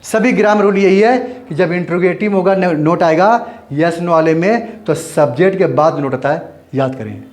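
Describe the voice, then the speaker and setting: A man's voice: high voice, moderate pace, few pauses. A man teaching an English grammar lesson, explaining each rule step by step and repeating key points as he writes. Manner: repetitive, explains step by step while writing. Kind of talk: Hindi-medium grammar lesson.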